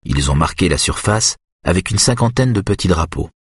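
A man narrating an audiobook in an even, measured reading. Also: sits low, slightly rough, no echo, studio quality.

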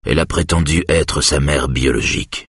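A weary older father with a very deep, husky voice, speaking slowly and gently, as an audiobook narrator voices him. The sound is close and completely dry. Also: dry recording, full character voice. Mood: grave. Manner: soft, tired, measured.

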